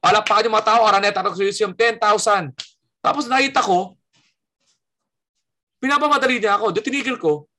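A man's voice: high voice, a little fast, pauses often. A man from the Philippines, a stand-up comedian telling stories in casual chat and acting out the quotes in them. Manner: animated storyteller acting out quotes.

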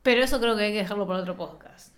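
A woman's voice: mid-range voice, rapid-fire, reverberant. A woman with a Rioplatense Spanish accent, co-hosting a podcast in casual, slangy, self-mocking chat, her voice slightly nasal. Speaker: podcast co-host.

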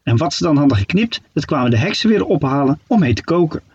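A man narrating a children's story with playful, expressive delivery. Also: on the high side, fast, slightly rough, dry recording, dull audio.

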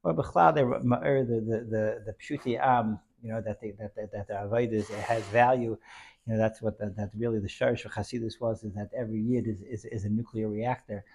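Man, raspy and creaky, repetitive halting delivery, informal religious storytelling lesson. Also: fairly low pitch, steady tone, a little mellow. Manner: halting, repeats words as he goes. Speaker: religious teacher.

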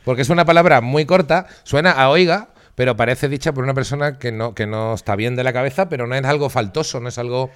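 A man's voice: medium pitch, quick pace, few pauses, fairly bright tone, clear, resonant tone. A man in his thirties co-hosting a podcast, chatting playfully and laughing, acting out silly voices in his stories. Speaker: podcast co-host. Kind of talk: casual chat.

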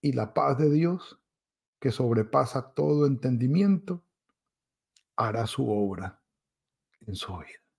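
A man's voice: mid-range voice, gravelly, darkish tone, slightly rough. A man giving a devotional sermon as pastor, urging listeners to pray in a pleading, repetitive way.

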